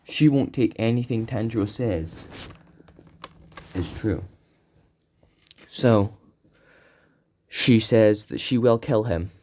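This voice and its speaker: A man's voice: on the low side, takes it slowly, long pauses, darkish tone, a little hiss or hum. A man casually telling an unscripted fan story, rambling and correcting himself as he goes.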